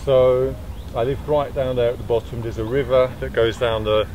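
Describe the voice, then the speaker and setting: A man's voice: mid-range voice, flat delivery, normal speed, darkish tone. A man in his thirties, from Belgium, talking casually and hesitantly with many fillers while walking through the countryside valley. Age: 30s. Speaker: furniture maker. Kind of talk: outdoor walking vlog. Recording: noisy outdoor recording.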